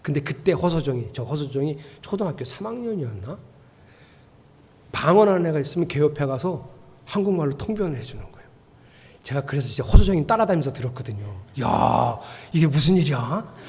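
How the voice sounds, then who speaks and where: A middle-aged man preaching a sermon as pastor, telling stories with animation and building to emphatic, near-shouted appeals. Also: fairly high pitch, very animated, quick pace. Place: church sanctuary. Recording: long church hall reverb.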